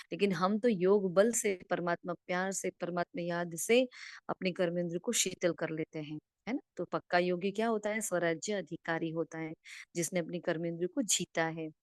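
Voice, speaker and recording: Low-voiced woman teaching a spiritual class. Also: darkish tone, no echo, clean studio sound. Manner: explanatory, keeps asking listeners "isn't it?"; gives homework and direct instructions to listeners. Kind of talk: devotional scripture revision class.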